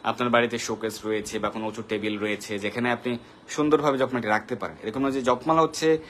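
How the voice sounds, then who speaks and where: Man, devotional Q&A host, quick pace, patient teaching manner, faint background hiss. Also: medium pitch, fairly even intonation, a bit bright. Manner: patient, instructive, greets viewers one by one. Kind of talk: live devotional Q&A, reading viewer comments.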